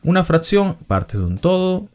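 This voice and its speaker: A man's voice: high-pitched, big pitch swings, unhurried, faint music behind. A man hosting a vocabulary quiz, patiently explaining and repeating each answer and its definition. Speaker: quiz host and organizer.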